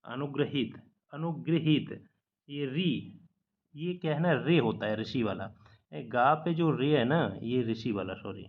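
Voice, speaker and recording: A man's voice: medium pitch, animated, slow pace, narrow, tinny audio. A man teaching a spelling lesson from slides, patiently repeating each correct word and mixing English words into his explanations. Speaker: exam-prep teacher.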